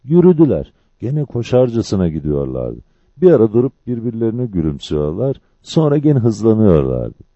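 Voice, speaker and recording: A man reading a village story aloud in steady, lively storyteller phrasing, in a dull lo-fi recording. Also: on the low side, normal speed, no room sound. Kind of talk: scripted story narration.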